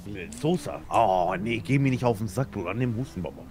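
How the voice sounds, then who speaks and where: A man's voice: on the low side, animated, a little fast, heavy background noise. A man in a crime-game role-play, talking in brash, threatening street slang.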